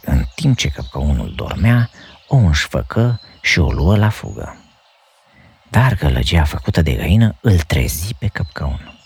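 A man reading a fairy tale aloud in an expressive, animated way. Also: low-pitched, vocal fry, breathy edge. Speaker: storyteller.

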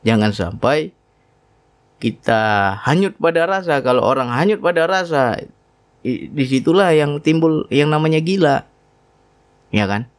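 A man's voice: fairly high pitch, animated, unhurried, pauses often. A middle-aged man giving a casual religious talk, telling stories from his own life and acting out his wife's replies. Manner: storytelling, acts out wife's voice, frequent "ya kan?". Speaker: spiritual teacher.

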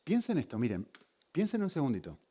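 Lively, questioning preacher man. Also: a little high, brisk, slightly rough. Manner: engaging, asks the congregation many questions. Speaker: pastor. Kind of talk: sermon.

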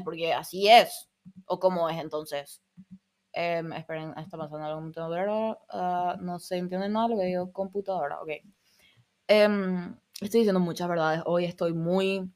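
A young woman from Paraguay with Argentine touches in her Spanish, rambling and giggling through a casual solo podcast chat. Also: mid-range voice. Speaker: podcast host.

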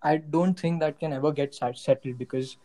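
Mellow, higher-pitched Indian man, hesitant talker. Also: steady tone, a little fast. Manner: hesitant, searching for words. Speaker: podcast guest, cafe co-founder. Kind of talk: casual reflective talk.

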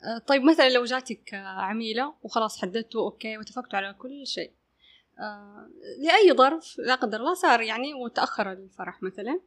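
Woman host firing off quick questions, voice a bit high. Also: expressive. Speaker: interviewer. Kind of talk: casual interview questions.

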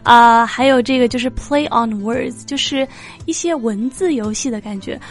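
A woman hosting a language lesson, explaining words step by step in a lively manner. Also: a little high, normal speed. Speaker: English teacher host. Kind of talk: bilingual lesson chat. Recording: light guitar music behind.

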